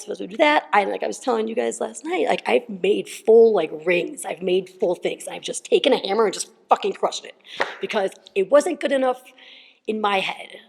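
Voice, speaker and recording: A shaky young woman giving a tearful, laughing personal testimony, halting and full of fillers. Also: medium pitch, gravelly. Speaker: retreat participant. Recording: long hall reverb.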